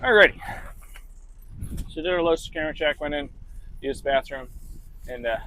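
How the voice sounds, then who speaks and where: A man's voice: a little high, moderate pace, sharp tone, a little hiss or hum. A truck driver talking casually to his camera while he works, in a laid-back, chatty way with casual swearing. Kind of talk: casual vlog narration.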